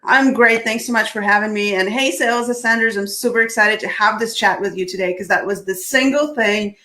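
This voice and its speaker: A woman's voice: medium pitch, a little fast, bright, forceful tone. A woman from Russia, a guest in a casual video interview, upbeat and telling her story. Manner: upbeat, laughs often, storytelling.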